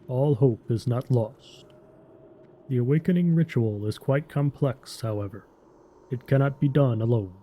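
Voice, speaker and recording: A man voicing a solemn, earnest Tauren druid disciple who speaks gravely and formally in a fantasy game story. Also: mid-range voice, dull audio, close to an everyday voice. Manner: grave, deliberate druid speech, formal phrasing.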